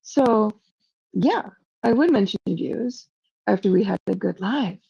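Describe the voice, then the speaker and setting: A woman's voice: medium pitch, lively intonation, unhurried, gravelly, dark tone, breathy edge, no room sound, lo-fi sound. A woman streamer in casual livestream talk to her chat, rambling and emotional, full of self-doubt and "like" fillers. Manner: frequent "like" fillers.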